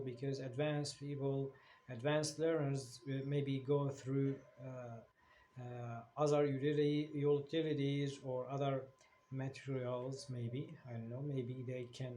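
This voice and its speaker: A man in his thirties from Syria speaks English as a second language, taking his time and often pausing on fillers as he restarts his sentences. His voice sits at an ordinary middle pitch. A faint background noise runs under the recording. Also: a little mellow. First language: Arabic. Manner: hesitant, many fillers and restarts. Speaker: English teacher. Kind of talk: channel introduction monologue.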